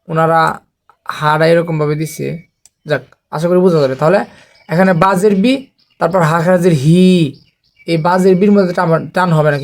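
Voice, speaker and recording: Patient high-voiced teacher. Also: male voice. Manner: slow, patient, repeats letter drills. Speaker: Quran reading teacher. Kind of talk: online recitation lesson.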